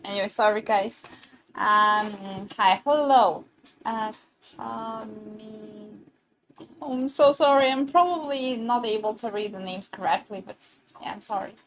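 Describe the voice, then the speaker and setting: A woman's voice: medium pitch, measured pace, a little hiss or hum. Chatty giggly woman selling gadgets live. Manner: chatty, giggly, many fillers and restarts. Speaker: livestream seller. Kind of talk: casual live-stream product demo.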